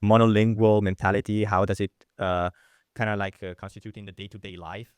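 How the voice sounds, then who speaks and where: A man's voice: fairly low pitch, level tone, a little fast, darkish tone, clear, resonant tone, no echo. A man hosting an interview with chatty, loose phrasing and many fillers. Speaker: interview host. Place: Berlin.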